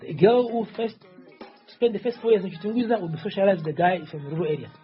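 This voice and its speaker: With soft music in the background and lo-fi sound, a forties-aged presidential candidate from Tanzania fields interview questions at a quick pace. His voice is high. His answers ramble and insist, circling back to repeat himself often.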